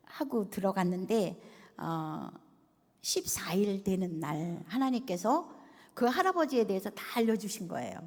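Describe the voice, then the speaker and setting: Woman telling a lively testimony in a hall. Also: medium pitch, breathy edge. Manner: animated storytelling, acting out quoted dialogue. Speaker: pastor's wife giving a testimony. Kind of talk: testimony storytelling to a congregation. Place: large hall at a retreat resort. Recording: reverberant hall sound.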